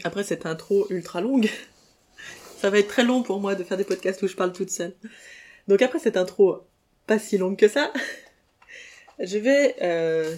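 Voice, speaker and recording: A woman's voice: mid-range voice, a little mellow. Chatty French woman hosting a solo podcast. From France. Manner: chatty, hesitant, many fillers and self-corrections; laughs between lines, self-deprecating. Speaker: podcast host. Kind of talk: casual solo podcast monologue.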